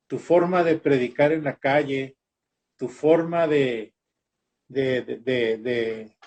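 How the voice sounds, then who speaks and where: A man's voice: a little high, a little mellow. An older man telling his own story in a Bible class, often tagging his lines with a questioning aside. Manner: storytelling, tags lines with "¿verdad?". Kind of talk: personal testimony in a Bible class.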